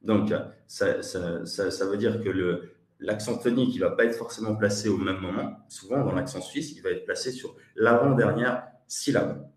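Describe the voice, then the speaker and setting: A man's voice: fairly low pitch, normal speed, reverberant, far from the mic. A man from Switzerland with a Swiss French accent, teaching an online webinar lesson, hesitant and repeating his words as he answers the chat.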